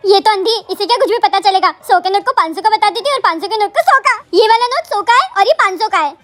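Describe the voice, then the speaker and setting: A young woman acting in comic sketches with a brisk, scolding manner. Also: very high-pitched, expressive, a bit bright.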